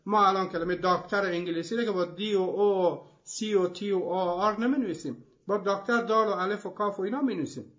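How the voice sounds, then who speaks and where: A high-voiced man gives a methodical, explanatory lecture as host of a language programme. He works through his points one example at a time. The recording sounds dull and lo-fi. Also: fairly bright tone.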